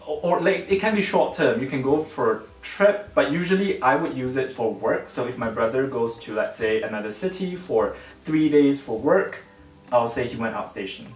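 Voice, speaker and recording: Lively Malaysian man in a roomy space. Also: medium pitch, normal speed. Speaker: host quizzing guests on slang. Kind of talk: casual quiz chat. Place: living room sofa, indoors. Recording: slightly roomy, distant mic, faint music.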